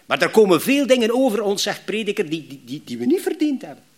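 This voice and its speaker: A middle-aged man preaching with a West Flemish accent. His voice sits high and swings widely in pitch as he works through rhetorical questions to his congregation, often restarting his phrases. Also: sing-song, fast talker, slightly rough. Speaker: pastor. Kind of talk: sermon.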